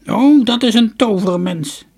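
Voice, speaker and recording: A man voicing a crooked, cackling old woman from a children's story, with a creaky voice and a sly, drawn-out way of speaking. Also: sits high, darkish tone, pitched above the performer's own voice. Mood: mysterious.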